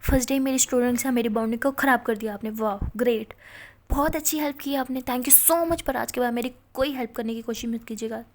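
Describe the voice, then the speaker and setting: A woman voicing a protective, quick-tempered young teacher who scolds sharply and hushes softly. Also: fairly high pitch, lightly acted. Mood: angry.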